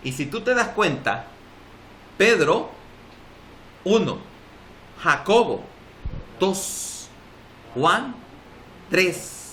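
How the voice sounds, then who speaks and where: Salvadoran pastor guy preaching hard, highish voice, call and response with the church. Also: sing-song, drawn-out words, pauses often, bright, forceful tone, slight background noise. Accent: Salvadoran Spanish. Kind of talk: sermon. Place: church service.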